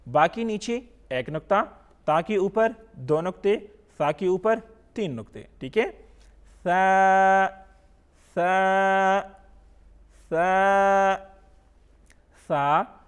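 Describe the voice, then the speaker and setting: Slow-paced, high-voiced male Quran teacher. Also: expressive. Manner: asks a question then answers it himself, drawn-out recitation. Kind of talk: slow teaching lesson with call-and-repeat recitation.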